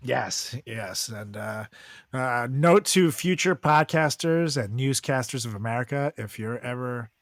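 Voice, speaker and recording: A man's voice: medium pitch, expressive, a little slow, no room sound. A man co-hosting a podcast talks in casual chat, laughing easily and tossing out crude jokes. His mid-range voice comes through a dry, dead recording with no room sound. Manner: laughing, crude joking banter. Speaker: podcast co-host.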